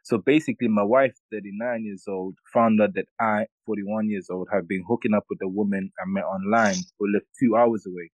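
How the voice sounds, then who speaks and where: A young man with a London roadman accent, talking in a slangy, animated way as a podcast co-host in casual banter and storytelling. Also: fairly low pitch, brisk, hardly any pauses, dry recording, low-quality recording. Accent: London, urban roadman slang.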